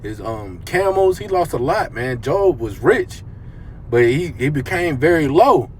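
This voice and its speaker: Guy reading scripture slow then chatting loose, pitch all over, bit of background hum. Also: very animated. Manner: reads verses slowly, casual slang between. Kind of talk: casual bible study chat.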